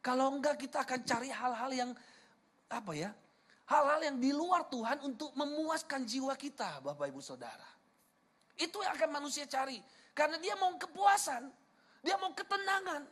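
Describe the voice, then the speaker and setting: A man from Sumatra delivers a sermon in a bright, keen voice. He keeps asking the congregation questions and addresses them directly. He mixes humor and personal stories into an easy, chatty flow. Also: extremely high pitch, expressive, moderate pace. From Sumatra, Indonesia. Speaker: preacher.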